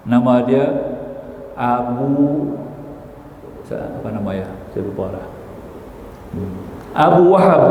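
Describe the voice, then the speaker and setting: A man's voice: mid-range voice, mellow, slight background noise. An older man with a northern Malaysian Malay accent giving a religious lecture. He tells stories with quoted dialogue and keeps checking with his audience whether they follow. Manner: keeps asking the audience "nampak tak?". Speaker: religious teacher. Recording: echoey hall with long reverb.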